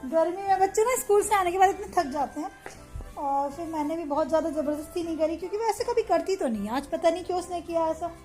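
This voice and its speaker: Chatty woman, 30s, casual home vlog, very high pitch, soft music underneath. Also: fast talker. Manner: chatty, often asks viewers for agreement. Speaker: family vlogger.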